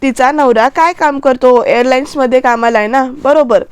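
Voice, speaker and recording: A woman voicing a defensive, exasperated young husband, in slow, plain quoted lines. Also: high-pitched, clear, resonant tone, dry recording, lightly acted.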